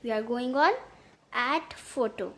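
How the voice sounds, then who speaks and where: A woman hosts a step-by-step tutorial in a high voice. She goes slowly, with halting phrasing that often repeats itself as she explains each step. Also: a bit bright. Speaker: tutorial host. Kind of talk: step-by-step app tutorial narration.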